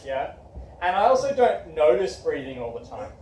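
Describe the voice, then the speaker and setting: A man's voice: a little high, very animated, moderate pace, a little mellow. Man teaching a class, recorded from afar. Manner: encouraging, asks questions. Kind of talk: classroom discussion. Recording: echoey room from far off, faint background noise.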